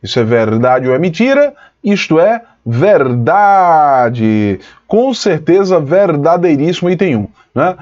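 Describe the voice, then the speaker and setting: Lively teacher man, dull lo-fi sound. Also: fairly high pitch, normal speed, hardly any pauses. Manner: lively, explanatory, addresses students as "pessoal". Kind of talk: online exam-prep lesson.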